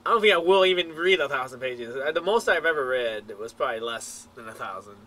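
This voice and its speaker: A man's voice: mid-range voice, expressive, fairly quick. A young man chatting casually while playing a game, rambling and correcting himself, often saying "you know". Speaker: co-host gamer. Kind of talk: casual gaming chat. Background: game music.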